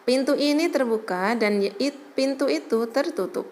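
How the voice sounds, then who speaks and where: A woman teaching a recorded Arabic lesson, slowly reading each phrase, translating it and explaining pronunciation with patient check-ins. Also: high voice, darkish tone, slight background noise. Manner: patient, adds "ya" to check understanding.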